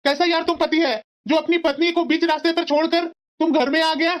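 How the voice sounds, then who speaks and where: A woman's voice: very high-pitched, fairly even intonation, brisk. A woman voicing a short-tempered young husband. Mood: angry. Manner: snapping, complaining. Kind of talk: cartoon story voice acting. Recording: dull lo-fi sound.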